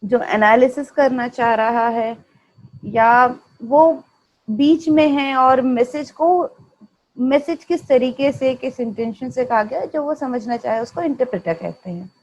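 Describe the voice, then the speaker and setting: A woman's voice: sits high, a little slow, darkish tone, highs cut off. A woman with an Indian accent giving an explanatory lecture, mixing in English terms and often checking in with "right?".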